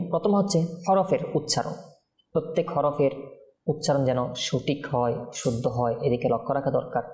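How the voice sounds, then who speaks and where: A man teaching Quran recitation, chanting verses slowly and melodically, then explaining pronunciation rules in quick, plain speech. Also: medium pitch, a little mellow, roomy sound. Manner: alternates slow melodic chanting with brisk explanation.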